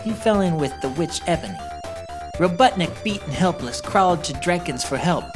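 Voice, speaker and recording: A woman's voice: on the low side, lively intonation, moderate pace, over music, lightly acted. A woman voicing a young male hedgehog hero, narrating a scripted recap of his backstory matter-of-factly with wry asides.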